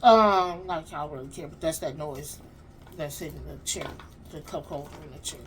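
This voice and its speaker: A woman hosting her own vlog, telling a story in an animated, chatty way and talking straight to her audience. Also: low voice, normal speed, slight background noise. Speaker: vlog host. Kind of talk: casual storytelling to viewers.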